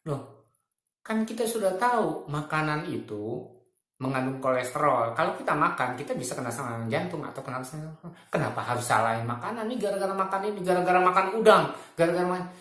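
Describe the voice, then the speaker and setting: A man's voice: fairly high pitch, animated, fast talker, a bit bright, roomy sound. A man in his fifties giving spiritual reflections in a casual, colloquial way, often chuckling as he makes his points. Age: 50s.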